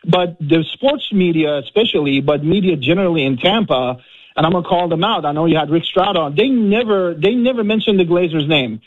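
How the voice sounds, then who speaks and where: A man's voice: fairly high pitch, lively intonation, a little fast, no echo. A man calling in to a sports radio show over the phone, fired up and complaining. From Florida, USA. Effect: phone caller on a radio show. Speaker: caller. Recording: tinny phone line.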